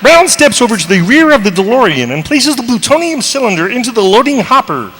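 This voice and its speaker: Excitable puppet frog narrator, very high and swooping; noisy, echoing hall. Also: male voice, a little fast, full character voice. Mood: dramatic narration. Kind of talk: dramatic script narration read in a cartoon voice. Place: comic convention panel hall. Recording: echoey convention hall, noisy room.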